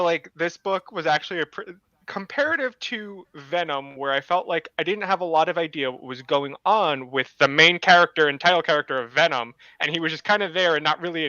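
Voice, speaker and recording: A man's voice: on the high side, fairly quick, sharp tone, no room sound, highs cut off. A man co-hosting a casual comics podcast, rambling with lots of fillers. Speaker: podcast co-host. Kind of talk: casual chat about comics.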